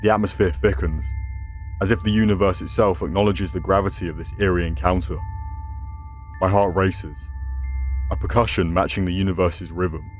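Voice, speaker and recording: Narrating scripted frightening tales to an audience, this deep-voiced horror host sounds ominous and theatrical. He keeps a steady tone and an ordinary speed, with music playing underneath.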